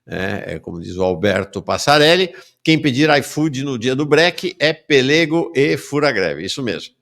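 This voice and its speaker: A man's voice: mid-range voice, sing-song, moderate pace, gravelly, a bit bright. A male host of a live interview show, upbeat and emphatic.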